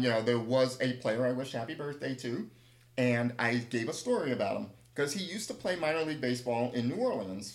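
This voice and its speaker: A man casually telling rambling, humorous anecdotes with a self-deprecating touch. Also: fairly high pitch. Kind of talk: casual chat, storytelling. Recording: echoey room.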